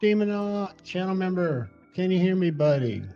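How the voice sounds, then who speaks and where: A man's voice: lively intonation, normal speed, dark tone, lo-fi sound, soft background music. A man hosting a casual livestream, his voice run through a voice changer that lifts it an octave, chatty and greeting viewers by name. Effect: voice changer pitching the voice an octave up. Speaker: livestream host.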